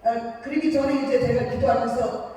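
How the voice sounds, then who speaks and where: A woman pastor preaching a sermon at a church revival meeting, telling a personal story lively and acting out each person's words. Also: fairly high pitch, normal speed. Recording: echoey church hall, mic far off.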